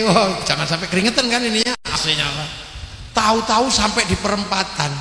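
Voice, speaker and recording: A man's voice: sits high, pushed and bright, a little hiss or hum. A man giving a humorous sermon, telling jokes and stories and mixing in phrases. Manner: joking storytelling, mixes in Javanese phrases. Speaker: preacher. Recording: echoey hall, faint ambience.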